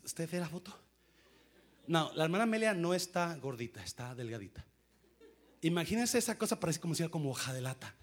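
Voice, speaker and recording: A middle-aged man, a pastor, telling a story in a sermon with lively sound effects and English phrases mixed in. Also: a little high, a little fast.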